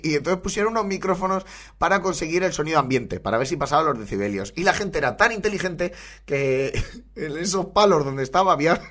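Presentador con acento valenciano, voz un poco alta, comentario cómico y desenfadado, muy coloquial. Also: male voice, high voice, fairly bright tone. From Valencia, Spain. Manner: chatty, laughs often, colloquial and joking. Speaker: podcast host reacting to clips. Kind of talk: casual comic commentary.

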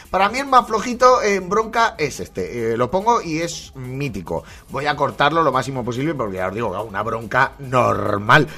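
Presentador con acento valenciano, voz un poco alta, comentario cómico y desenfadado, muy coloquial. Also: male voice, a little high, pushed and bright. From Valencia, Spain. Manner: chatty, laughs often, colloquial and joking. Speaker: podcast host reacting to clips. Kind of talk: casual comic commentary.

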